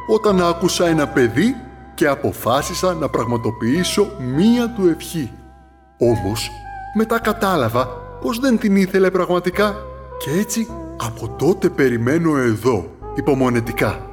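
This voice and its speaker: A man's voice: a little high, big pitch swings, soft background music. Man doing a cheeky fallen star, bouncy voice, long echo on it. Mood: reflective. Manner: playful, teasing. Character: lively playful fallen star, male, patient and wise. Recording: long reverb.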